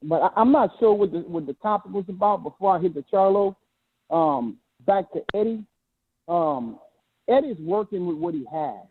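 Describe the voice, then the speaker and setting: Faint caller, phone held away. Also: male voice, high-pitched, expressive, moderate pace, husky. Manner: hesitant, restarts often. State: phone held away from his mouth, sounding faint and low. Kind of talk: casual chat. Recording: tinny phone line.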